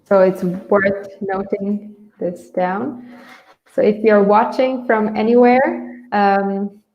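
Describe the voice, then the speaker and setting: Taking it slowly, a Bangladeshi English teacher from Dhaka hosts an online lesson, her medium-pitched voice fairly even as she explains things casually with a bit of hesitation. The lo-fi recording is roomy and echoey, with a little hiss or hum.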